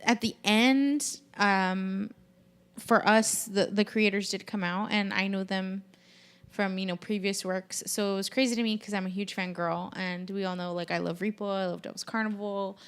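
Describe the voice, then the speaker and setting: A woman's voice: medium pitch, fairly even intonation, normal speed, smooth. A woman hosting a podcast in casual chat, talking animatedly with lots of fillers and frequent swearing. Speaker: podcast host.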